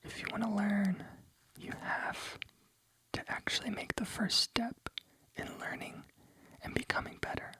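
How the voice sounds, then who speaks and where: An ASMR host whispers encouragement in a breathy, unvoiced voice, repeating motivational phrases over and over. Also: medium pitch, level tone, measured pace, pauses often, bright, forceful tone, low-quality recording.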